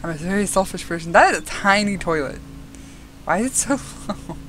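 A woman's voice: mid-range voice, expressive, a little fast, a bit bright, slight background noise. Jittery, giggly woman playing a horror game. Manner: jittery, giggly, talking to herself. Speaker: gamer.

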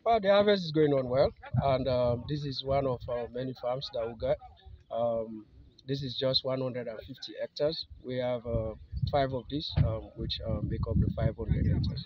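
A man's voice: mid-range voice, moderate pace, lo-fi sound. A man in his forties, a farm company head, explaining his work in an outdoor interview, hesitating often with ums. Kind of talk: field interview. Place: open rice field outdoors.

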